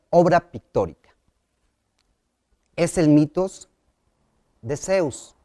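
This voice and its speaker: Slow, mellow teacher. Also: male voice, a little high. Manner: slow, clear, asks the class questions. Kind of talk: televised school lesson.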